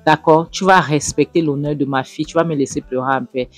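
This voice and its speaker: A woman's voice: sits low, steady tone, a little fast, no room sound, soft background music. A woman voicing a grieving young mother pleading. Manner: pleading, weary.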